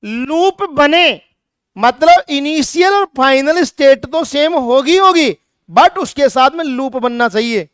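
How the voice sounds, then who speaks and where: A man's voice: very high voice, animated, takes it slowly, a bit bright, dry recording, clean studio sound. A man, teaching a chemistry lecture energetically, teasing his students with rhetorical questions. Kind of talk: classroom lecture.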